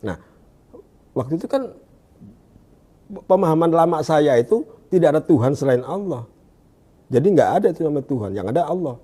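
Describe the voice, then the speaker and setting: A man from Indonesia telling his story in an interview, often pausing and restarting as he searches for words, and dropping to a hushed voice when he quotes. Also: sing-song, husky. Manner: drops to a hushed low voice when quoting. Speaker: guest giving a testimony. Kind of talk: conversational interview.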